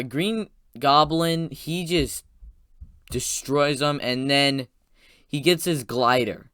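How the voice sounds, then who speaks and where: A man giving a casual, rambling spoiler recap of a movie, excitedly retelling scenes with lots of "like" and restarts. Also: mid-range voice, smooth, no room sound, studio quality. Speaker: movie reviewer.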